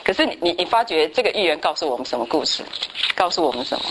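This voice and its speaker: Woman church teacher, slightly low voice; lively storyteller who keeps asking the class questions. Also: racing, slight background noise, rough recording. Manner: lively storyteller, tags sentences with a chatty particle, asks the class questions. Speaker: church Bible study teacher.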